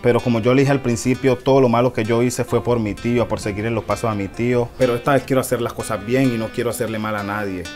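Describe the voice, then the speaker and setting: A man's voice: mid-range voice, fairly even intonation, fast, few pauses, a little mellow, soft background music, close to an everyday voice. A man playing an earnest reformed ex-thief. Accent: Colombian Pacific coast Spanish. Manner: pleading, earnest, repeats himself. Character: young reformed ex-thief man, eager to please. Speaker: actor in a web series. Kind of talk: amateur web drama acting.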